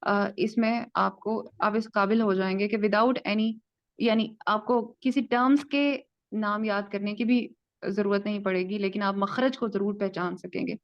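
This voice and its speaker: Woman, lo-fi recording, patient teacher, step-by-step explaining, slow modelled sounds. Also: medium pitch, steady tone. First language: Urdu. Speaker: tajweed teacher. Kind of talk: online lesson. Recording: dull lo-fi audio.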